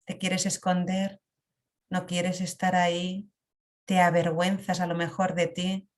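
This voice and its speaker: Leaving long pauses and moving slowly, a woman guides an emotional meditation. Her voice is lowish, and her guidance stays calm and reflective.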